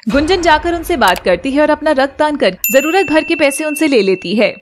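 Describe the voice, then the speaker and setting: A woman narrates a scripted animated drama in an even storytelling voice. Her pitch sits a little high, and there is a faint hiss in the background. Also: brisk.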